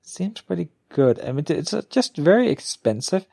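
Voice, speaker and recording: A man's voice: a little high, big pitch swings, moderate pace, creaky, a little mellow, no room sound, studio quality. A man giving casual, off-the-cuff commentary as a gamer, thinking aloud and often trailing off. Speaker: gamer opening card packs.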